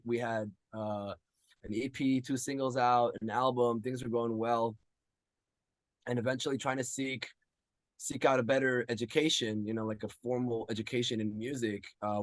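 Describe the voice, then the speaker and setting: A man's voice: medium pitch, no echo. A man in his thirties from Israel, a guest musician answering interview questions in a rambling casual way with many ums.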